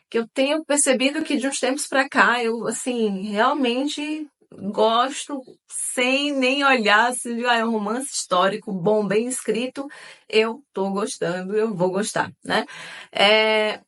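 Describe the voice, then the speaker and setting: A woman's voice: on the high side, fairly bright tone. A woman hosting her own book channel, chatting casually with viewers and using lots of fillers. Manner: chatty, many fillers, addresses viewers as "gente".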